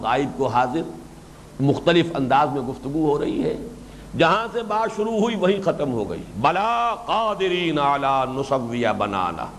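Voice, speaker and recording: An older man giving a religious lecture as a Quran teacher, explaining points emphatically and reciting verses slowly. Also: mid-range voice, slight background noise.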